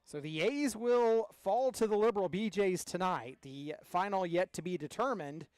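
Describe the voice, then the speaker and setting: A man with a fairly high voice delivers live baseball play-by-play. He works as the game's announcer, and the sound is dry, with very little room echo. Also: normal speed, darkish tone, clear, resonant tone. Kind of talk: live sports commentary.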